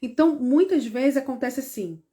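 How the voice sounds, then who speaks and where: Brazilian woman, parenting educator, highish voice, chatty explaining w lots of tag questions and restarts. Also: normal speed, dark tone. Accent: Brazilian Portuguese. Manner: briefly acts out parent and child exchanges. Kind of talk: casual explanatory talk to parents.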